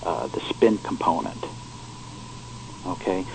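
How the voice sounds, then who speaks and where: Guy on the phone as a radio guest, quiet, lots of uhs, deepish voice. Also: expressive, vocal fry, a little hiss or hum, low-quality recording. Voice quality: quiet, hard to hear on the line. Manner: explains haltingly with many fillers. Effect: over the phone. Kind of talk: call-in radio discussion.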